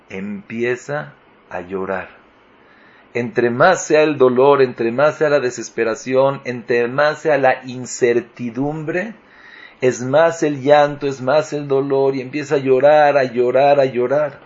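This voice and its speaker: Slow-speaking man teaching a Torah lesson. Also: mid-range voice, muffled recording. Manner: rhetorical questions, emphatic rises. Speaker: rabbi teaching.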